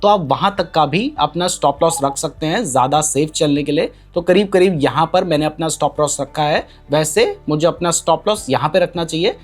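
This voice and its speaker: A man's voice: on the high side, brisk, hardly any pauses, faint music behind. A man explaining a trading strategy in a chart tutorial, pointing things out on screen and mixing English terms into his speech. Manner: mixes English terms into Hindi. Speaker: trading educator.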